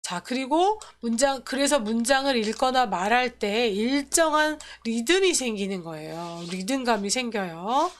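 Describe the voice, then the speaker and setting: Korean woman giving an english lesson, slightly high voice, explains step by step and repeats herself. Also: expressive, measured pace, hardly any pauses. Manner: explanatory, repeats points, starts lines with "so". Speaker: English teacher. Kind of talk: lecture on English pronunciation.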